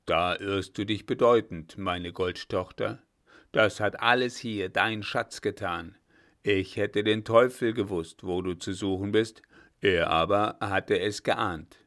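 A man reading an audiobook, voicing a gruff, hot-tempered old field marshal who speaks loudly and bluntly. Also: slow. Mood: teasing. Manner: loud, booming, scolding.

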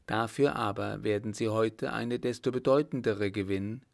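A man voicing a confident young lieutenant in a calm, assured way, in a storybook reading. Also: lowish voice, normal speed, creaky.

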